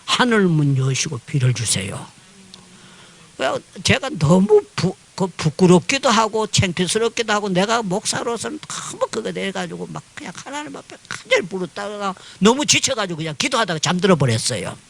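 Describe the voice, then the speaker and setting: Older man, pastor, animated storytelling sermon, swings widely in pitch, cries out in prayer. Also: fairly quick, creaky, hardly any pauses. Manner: animated storytelling, crying out in prayer, acting out dialogue. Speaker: pastor and missionary.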